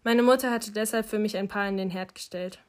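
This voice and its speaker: A woman reading a first-person audiobook in a quiet, reflective way, her voice dropping at the end of lines. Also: medium pitch, steady tone, brisk. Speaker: audiobook narrator. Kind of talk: audiobook narration.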